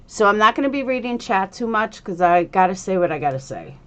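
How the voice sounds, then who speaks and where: A woman's voice: mid-range voice, big pitch swings, brisk. A woman hosting a casual livestream commentary, speaking bluntly with a slight lisp from a retainer in her mouth. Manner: blunt, opinionated, profane. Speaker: livestream host.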